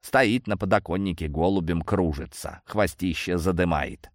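A man doing a gruff old caretaker. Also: low voice, normal speed, no echo, studio quality. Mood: apologetic. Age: older. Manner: gruff, grumbling. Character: grumpy old male caretaker with a shotgun.

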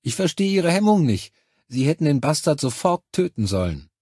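A blunt, needling fellow officer, voiced by a male reader in an audiobook, pitched a little above the narrator's voice. The tone is husky and the recording is dry and close. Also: very animated, a little fast, mellow, no room sound. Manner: blunt, needling, matter-of-fact. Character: blunt, hard-nosed male officer, quick with advice. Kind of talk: audiobook character voice.

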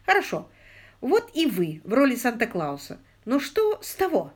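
A woman reads a spiteful shrew with a sarcastic, bossy tongue. Her pitch jumps high and sharp. It is a comic audiobook. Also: very animated, normal speed. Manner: sarcastic, domineering.

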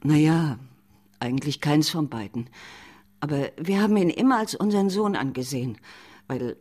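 As the witness in a German radio drama, an actress plays a loyal, plain-spoken older widow who gives frank, matter-of-fact answers. Her low, slightly mellow voice carries lively intonation at a normal speed.

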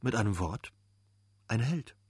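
Gracious young noblewoman, gentle lifted tone, dry close audiobook sound , read by a man. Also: lowish voice, lively intonation, measured pace, breathy edge, no echo. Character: warm young woman, gracious aristocrat.

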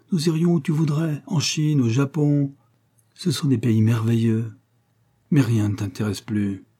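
A man's voice: mid-range voice, dark tone, husky, lightly acted. A man playing a doting, blustering rich father in an audiobook, coaxing with forced jovial cheer.

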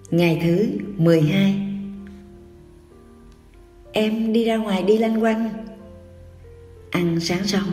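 Nữ người đọc truyện giọng trầm dịu. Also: female voice, lowish voice, mellow. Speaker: audiobook narrator. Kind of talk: scripted romance narration. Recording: roomy echo, distant mic, music.

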